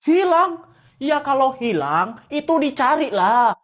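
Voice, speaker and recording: A woman acting out comedy skits, switching between character voices and shouting in mock anger. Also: high-pitched, big pitch swings, slow pace. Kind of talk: comedy skits playing many roles.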